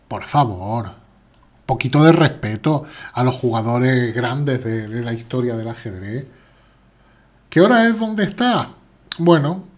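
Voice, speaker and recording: Man, Spain Spanish accent, husky voice, animated swings in pitch, playful live chess chatter. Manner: chatty, playful, reads chat aloud while playing. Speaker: chess streamer. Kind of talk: live chess stream commentary.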